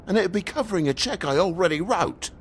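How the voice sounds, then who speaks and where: An actor voicing a grumpy, indignant talking toad with a British accent in a video game, griping and sarcastic. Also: male voice, high-pitched, animated, brisk, slight background noise. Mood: indignant, pleading. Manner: griping, sarcastic, foul-mouthed.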